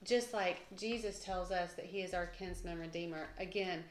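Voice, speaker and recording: A woman, co-hosting a casual Bible discussion, chatty and quick to laugh at herself. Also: fairly low pitch. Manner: chatty, laughs often, self-deprecating. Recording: echoey room with faint noise.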